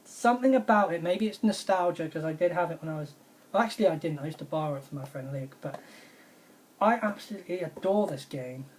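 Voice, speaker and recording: A woman with a fairly low voice, chatting casually about retro games she loves. She gushes and rambles, circling back to the same praise again and again. A faint hiss sits under the recording. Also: brisk. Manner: enthusiastic, rambling, repeats praise. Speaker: video game vlogger. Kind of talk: casual video game review vlog.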